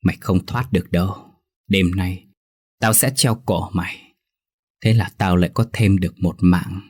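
A man voicing a vengeful female hanging ghost in a horror story reading, speaking in a shrill, wheedling way. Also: steady tone, moderate pace, darkish tone, breathy edge. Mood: menacing. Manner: luring, then raging, then whimpering like a child.

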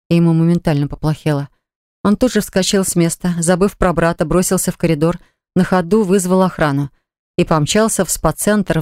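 A narrator reading a novel aloud in a steady, even storytelling manner, close to a studio mic. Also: medium pitch, smooth, dry recording. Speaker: audiobook narrator. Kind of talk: scripted narration of a romance novel.

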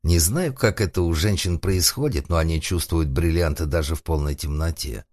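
A man reading a humorous story aloud as narrator, wry and deadpan, with asides to the listener. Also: sits low, moderate pace, no room sound, studio quality. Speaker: audiobook narrator.

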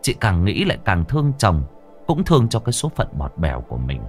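Man, ghost story narration, dramatic, very lively pitch, lowish voice. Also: fairly quick, faint music behind.

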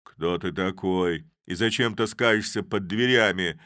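A man voicing an angry, stern young village blacksmith who shouts gruffly in a storybook. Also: deep voice, a little slow, no room sound, clean studio sound.

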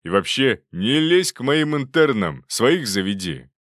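A man's voice: mid-range voice, big pitch swings, unhurried, dry recording, studio quality, pitched above the performer's own voice. Man voicing teasing department-head doctor. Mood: bantering. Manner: bantering, commanding.

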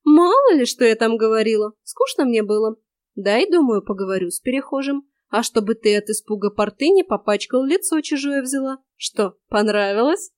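A woman voicing a mischievous young female forest spirit who mocks and teases in a bright, sharp-tongued way. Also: a little high, expressive, normal speed, no echo, studio quality, close to an everyday voice. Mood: mocking.

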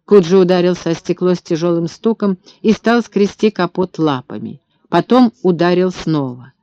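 A man reading an audiobook in steady, tense scripted narration. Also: high voice, normal speed, no room sound. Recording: dull lo-fi dry recording.

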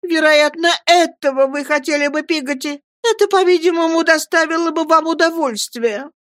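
High, shrill young mother, weepy and excitable, pleading; dry close read. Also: takes it slowly, no room sound. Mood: tearful, indignant. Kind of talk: audiobook character voice.

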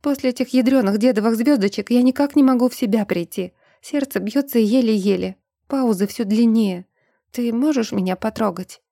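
Female reader playing a high, tearful young woman quick to flare up, mellow tone, dry audiobook read. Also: creaky, dry recording. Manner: pleading, then shrill and indignant.

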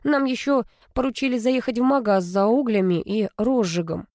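A woman's voice: fairly high pitch, moderate pace, a little mellow, dry recording, clean studio sound, voice pushed up, close to an everyday voice. A woman voicing a young man, a tired, sarcastic older brother who grumbles at his sister. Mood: grumbling.

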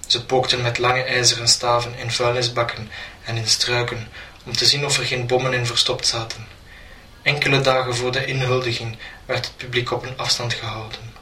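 Flat-voiced man reading a story. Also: medium pitch, normal speed. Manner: flat, even storytelling delivery. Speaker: narrator. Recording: roomy, distant mic, faint noise.

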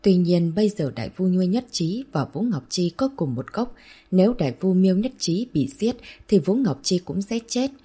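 A woman narrates a novel in a steady, even storytelling manner. Her voice is low and mellow. It has a noticeably husky, breathy grain. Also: moderate pace. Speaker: audiobook narrator.

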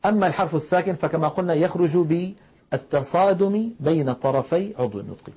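Man, tajweed teacher, demonstrates sounds, fairly high pitch, muffled lo-fi sound. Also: lively intonation, breathy edge. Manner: slow explanatory, demonstrating letter sounds. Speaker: Quran recitation teacher. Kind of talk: televised tajweed lesson. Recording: dull lo-fi broadcast audio.

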